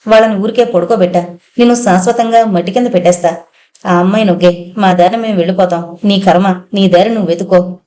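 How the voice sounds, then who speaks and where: A woman's voice: medium pitch, steady tone, fast, dark tone, lightly acted. A woman voicing a tough male outlaw who speaks harshly and with command. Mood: threatening. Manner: harsh, commanding, then lecturing.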